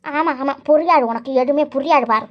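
A woman's voice: high-pitched, a little fast, close to an everyday voice. A woman voicing a bitter, quarrelsome elderly mother-in-law in a cartoon, nagging and sarcastic. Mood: scolding. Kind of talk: cartoon voice acting. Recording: dull lo-fi recording.

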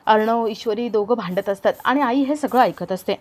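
A woman retelling the plot of a family drama serial in scripted narration, speaking in a plain, steady way. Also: on the high side, brisk. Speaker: storyteller.

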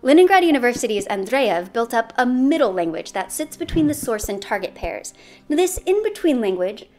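A woman's voice: on the high side, very animated, fairly quick, darkish tone, soft background music. A woman hosting an educational video series, narrating a scripted explainer with playful, punchy, self-mocking asides.

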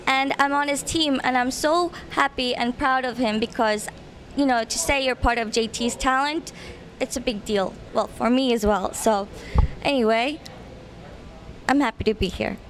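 A woman's voice: fairly high pitch, normal speed. A young woman from the Caribbean, a bubbly and slightly nervous new host speaking into a handheld mic at an indoor event. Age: young adult. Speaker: novice red-carpet host. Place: indoor event in front of a banner.

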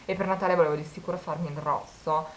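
A woman's voice: deep voice, fairly even intonation, quick pace, a little hiss or hum, poor audio. A young woman, chatting casually to her viewers and telling stories in which she quotes people. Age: 20s. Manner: chatty storytelling, quoting people. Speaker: vlogger. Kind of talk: casual chat.

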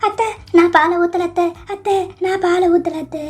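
ஒரு பெண் கார்ட்டூனில் கெஞ்சும் இளம் மருமகள் கலாவாகக் குரல் கொடுக்கிறார். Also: female voice, very high-pitched, fairly even intonation, normal speed, soft background music, pitched above the performer's own voice. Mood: pleading. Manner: pleading, whiny, defensive. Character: young pleading daughter-in-law Kala. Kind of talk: cartoon voice acting.

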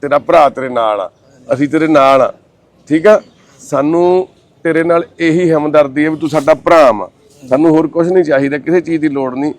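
A man speaking in a gentle, reassuring, fatherly tone as a social service volunteer. He talks plainly and informally, moving between comforting words and a steady explanation to the camera. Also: on the high side, moderate pace, no echo. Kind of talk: consoling talk and on-camera explanation.

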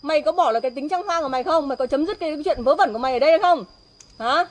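High-pitched furious woman berating fast. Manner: shouting angrily, scolding. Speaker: wife confronting husband. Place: outdoors by a street at night. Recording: faint outdoor noise with crickets.

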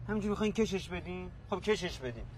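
A placating young doctor son from a TV drama, pleading with his mother to let the quarrel go. His voice sits slightly high. Faint noise runs behind him. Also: animated. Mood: firm.

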